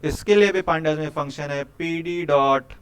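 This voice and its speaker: A young man teaches a live coding class. His voice is smooth and resonant and sits a little high. He chats with his students, teases them and keeps quizzing them. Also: normal speed. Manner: chatty, quizzes students, keeps saying "bhai".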